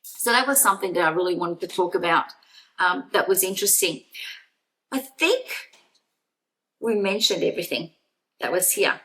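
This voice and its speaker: A woman's voice: lowish voice, expressive, moderate pace, pauses often, sharp tone, low-quality recording. A woman in her fifties hosting a family travel vlog, chatting casually and laughing easily. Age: 50s. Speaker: vlog host. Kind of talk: casual chat.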